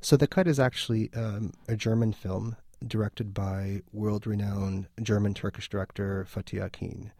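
A man's voice: on the low side, steady tone, normal speed, creaky, few pauses, warm tone, no echo, clean studio sound. A man from Lebanon, a film festival organizer, talking thoughtfully in a radio interview with frequent restarts.

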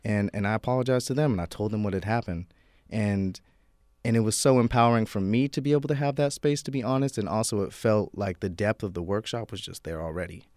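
A man's voice: on the low side, fast, darkish tone, no echo, studio quality. A male teacher telling a heartfelt story from his classroom in a casual conversation. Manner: heartfelt storytelling, lots of restarts. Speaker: teacher guest.

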